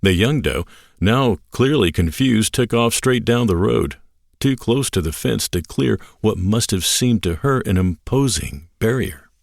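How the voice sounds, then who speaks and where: A man narrating a written story expressively, in measured, dramatic short phrases. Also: on the low side, lively intonation, vocal fry, dry recording, clean studio sound.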